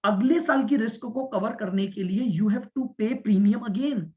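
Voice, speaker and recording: A man's voice: high voice, darkish tone. A man teaching a commerce class, explaining step by step, repeating his points and checking whether the students follow. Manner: speaks deliberately and stresses listening. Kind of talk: classroom lecture. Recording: dull lo-fi lecture recording.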